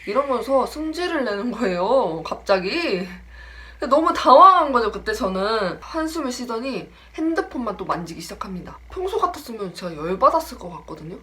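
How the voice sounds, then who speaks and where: A young woman in her twenties telling a casual story about a friend, acting out the lines in different voices. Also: fairly high pitch. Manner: animated, acts out the quoted lines in voices. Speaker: storytelling vlogger.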